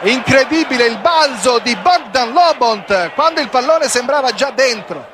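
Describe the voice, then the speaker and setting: A man with an Italian accent giving breathless, excited live goal commentary on a football match. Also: very high voice, a little slow. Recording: loud stadium crowd noise behind. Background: roaring football stadium crowd.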